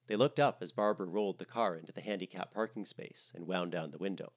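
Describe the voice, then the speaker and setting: A man narrating a comedic story in a wry, expressive way. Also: low-pitched, fast.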